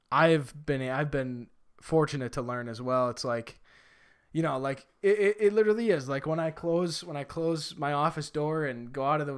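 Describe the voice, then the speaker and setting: Rambling young male podcast host, smooth voice. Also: mid-range voice. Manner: rambling, heavy on "like" fillers, friendly questions. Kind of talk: casual interview chat.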